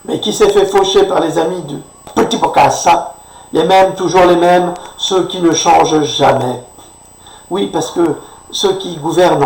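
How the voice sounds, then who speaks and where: A man's voice: fairly high pitch, darkish tone. A man delivering an indignant, sarcastic political rant, often tagging his sentences with a questioning "hein", recorded far from the microphone in an echoey room. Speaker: commentator.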